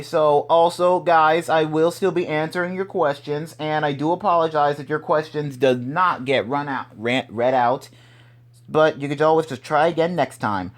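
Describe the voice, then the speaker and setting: Young guy hosting a fan q&a, kinda high voice, rambly and upbeat. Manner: rambling, upbeat, restarts often. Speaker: host. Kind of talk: casual fan-show hosting.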